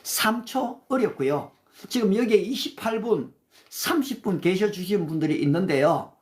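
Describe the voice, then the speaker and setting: A man's voice: high voice, lively intonation, moderate pace, darkish tone. A man as a pastor preaching conversationally on a livestream, asking his listeners questions and mixing in English scripture. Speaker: pastor leading a livestream prayer meeting. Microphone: phone livestream mic.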